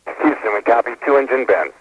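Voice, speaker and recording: A spacecraft commander giving clipped, matter-of-fact acknowledgements over a breaking-up space-to-ground radio link. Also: male voice, mid-range voice, lively intonation, a little fast. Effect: crackly, breaking-up space-to-ground radio. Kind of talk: terse radio callouts. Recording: tinny, distant radio link with faint static.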